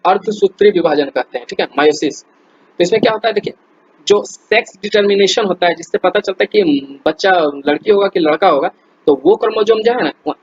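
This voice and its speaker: A friendly, chatty teacher walks viewers, whom he calls friends, through quiz questions in a casual explainer, filling it with fillers and restarted sentences. His voice is a touch high and husky, and the dull, lo-fi recording has no room sound.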